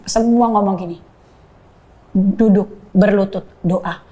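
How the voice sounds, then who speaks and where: A woman's voice: medium pitch, slow pace, warm tone. A woman sharing a personal faith testimony in earnest storytelling, slipping English phrases into her speech.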